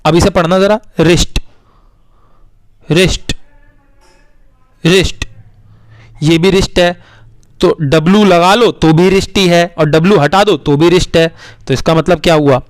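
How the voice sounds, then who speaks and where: A male teacher patiently explaining spelling to young children, coaxing them along and repeating words slowly letter by letter. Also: high voice, no room sound. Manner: coaxing, addresses children as beta.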